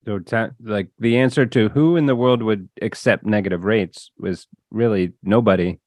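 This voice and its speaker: A man hosts a podcast interview, putting casual questions to his guest in an easy conversational way. His voice sits on the low side, and it is recorded dry and close, with no room sound. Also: moderate pace, darkish tone, no echo. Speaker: podcast host.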